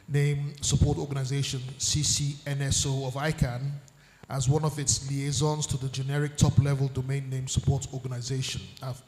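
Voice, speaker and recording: A man moderates a conference panel, reading out each panelist's background at a measured pace. He drops in the odd dry aside. His voice sits in the middle range and rings through a large, echoey hall with a long reverb tail. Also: mid-range voice, darkish tone. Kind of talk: reading panelist bios aloud.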